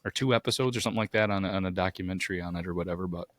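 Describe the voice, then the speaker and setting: A man with a hoarse, grating voice from too much yelling, chatting casually as a podcast co-host. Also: deep voice, rapid-fire, a little hiss or hum.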